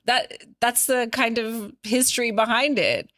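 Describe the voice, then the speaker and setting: A woman's voice: on the high side, measured pace, pushed and bright, dry recording, studio quality. A woman co-hosting a podcast in casual travel chat, easygoing and agreeable, with many short replies. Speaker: podcast co-host.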